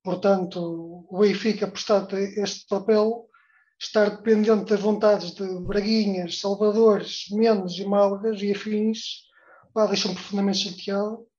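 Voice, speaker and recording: A man's voice: high-pitched, fairly even intonation, measured pace, darkish tone. A man calling in to give his opinion, indignant and emphatic, dropping "pá" as he talks. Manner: indignant, emphatic, uses "pá" and "epá". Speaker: caller. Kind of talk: phone-in opinion. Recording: dull lo-fi call audio.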